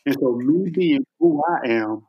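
A man's voice: mid-range voice, measured pace, dull audio. Laid-back man telling a story. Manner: relaxed, humorous storyteller. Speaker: podcast guest. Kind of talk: casual storytelling in an interview.

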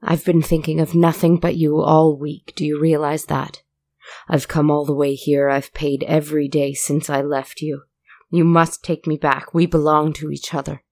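A woman's voice: low-pitched, flat delivery, moderate pace, a little mellow, no room sound. A woman voicing a desperate man who pleads, then grows impatient and demanding. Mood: insistent. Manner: insistent, impatient.

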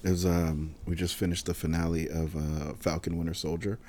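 A man's voice: low-pitched, moderate pace, slight background noise. A man hosting a podcast in casual conversation, enthusiastic and chatty, quizzing his co-hosts. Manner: enthusiastic, animated asides. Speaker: podcast host.

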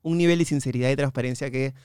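A man from Peru hosting an interview, showing his guest a card trick with slow, theatrical instructions. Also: medium pitch, clean tone, dry recording, clean studio sound. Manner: warm, theatrical when leading a card trick. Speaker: interview host and amateur magician. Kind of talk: casual interview conversation.

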